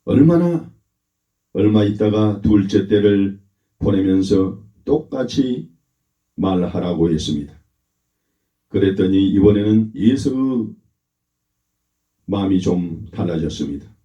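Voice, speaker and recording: A man, a pastor, delivering a sermon in a slow, emphatic way and asking the congregation to repeat after him. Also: low voice, animated, mellow. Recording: roomy, dull lo-fi church recording.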